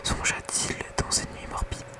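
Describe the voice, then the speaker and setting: A very quiet, night-time whisper reading poetry softly in an ASMR bedtime style. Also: a little slow. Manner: hushed bedtime reading with casual whispered asides. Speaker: ASMR reader.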